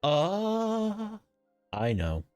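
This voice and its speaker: Man casually streaming, with lively pitch. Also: very slow, smooth. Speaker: game streamer. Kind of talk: casual gameplay commentary, reading choices aloud. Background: game music.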